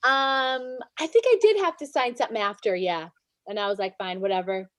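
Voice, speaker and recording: A woman's voice: high-pitched, very animated, moderate pace, fairly bright tone, dry recording. A woman chatting casually with improv friends, telling a story with a laugh in her voice. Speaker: improv performer. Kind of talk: casual group chat on a video call.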